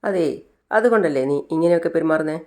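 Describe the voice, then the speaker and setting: A male narrator with a fairly high voice retells a scene from a TV serial at a quick pace, acting it out lightly. He voices Siddhu, an easygoing young man, in a relaxed, teasing manner punctuated by chuckles.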